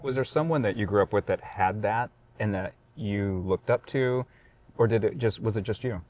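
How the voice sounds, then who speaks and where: A man from Michigan hosting an interview, asking questions in a relaxed, conversational way. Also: lowish voice, normal speed, muffled recording. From Michigan, United States. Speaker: interview host. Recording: voice distant from the mic.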